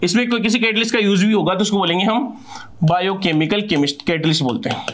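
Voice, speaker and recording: A man's voice: high-pitched, quick pace, fairly bright tone. An Indian man teaching a live chemistry class, asking questions and answering them himself, addressing students as sahab.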